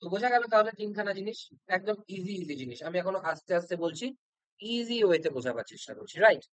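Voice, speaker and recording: A man's voice: high-pitched, expressive, fast, no echo, rough recording. A man teaching an exam-prep English grammar lesson, patient and repetitive, often checking in with the listener. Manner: patient, repeats points and checks in with "okay?".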